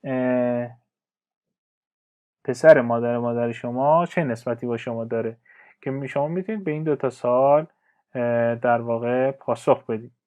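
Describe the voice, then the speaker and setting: Man teaching, slow English examples. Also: medium pitch, steady tone, a little mellow. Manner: reads English example sentences slowly, then translates quickly with fillers. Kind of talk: language lesson explaining phrases. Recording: slightly dull lo-fi audio.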